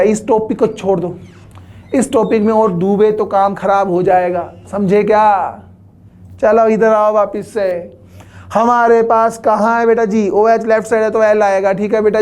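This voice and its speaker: A man's voice: high voice, level tone, unhurried, darkish tone, smooth. A man teaching chemistry to a class in a joking lecture, teasing the students and making playful mock threats.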